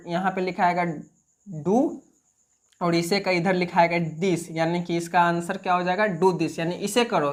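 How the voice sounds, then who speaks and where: A man teaching a basic spoken English lesson in Hindi, explaining step by step and answering his own questions. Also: high voice. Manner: repetitive, plain classroom talk.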